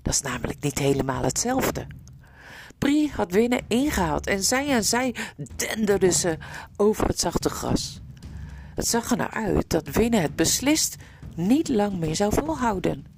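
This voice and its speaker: A woman reads a storybook aloud with lively, expressive rises and falls in her voice and a dramatic delivery. Her pitch sits in a middle range, and a steady hiss and noise run under the recording. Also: a little slow, gravelly. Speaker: narrator.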